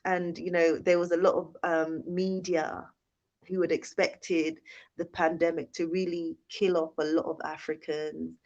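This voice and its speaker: Lowish and darkish in tone, with little pitch movement and a measured pace, a young UK woman's voice leads a casual live-stream Q&A. She chats, reads viewers' comments aloud and keeps thanking them. The dull lo-fi sound comes from a handheld phone.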